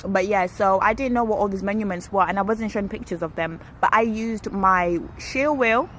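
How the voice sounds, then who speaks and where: A young woman from Kenya telling a personal story to her viewers in a chatty, animated way, outdoors while waiting for a ride. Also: medium pitch, normal speed. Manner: chatty, animated, self-correcting. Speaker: vlogger. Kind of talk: casual storytelling to camera. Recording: street traffic noise behind.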